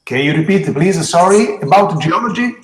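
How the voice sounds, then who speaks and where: A middle-aged man with an Italian accent answers interview questions as a teacher, in halting, simple non-native phrasing. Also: high voice, animated. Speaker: geology teacher being interviewed. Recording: echoey room.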